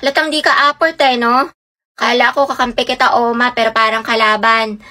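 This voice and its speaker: A woman's voice: on the high side, steady tone, brisk, pushed and bright. A woman acting in comedy skits, talking in a playful, gossipy, exaggerated way.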